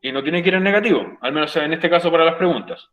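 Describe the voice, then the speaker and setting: A man's voice: fairly high pitch, quick pace, fairly bright tone, echoey room, muffled recording. A man with a Chilean Spanish accent teaching an English lesson in a virtual class. He is emphatic, repeats his points and keeps asking "ok?". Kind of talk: online class explanation.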